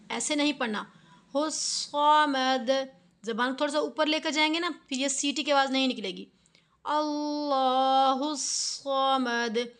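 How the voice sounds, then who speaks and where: High-voiced woman teaching Quran recitation. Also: fairly bright tone. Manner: explains rules, then recites words very slowly and drawn out. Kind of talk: tajweed lesson with slow demonstrative recitation.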